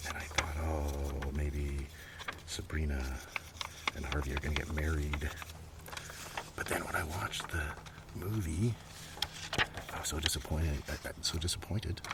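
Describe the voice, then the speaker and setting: In a low, rumbling voice with a steady tone, an ASMR creator murmurs his way through the objects he's displaying, sometimes slipping into a whisper. He keeps a measured pace with long pauses. Outdoor noise and a gentle breeze are clearly audible around him.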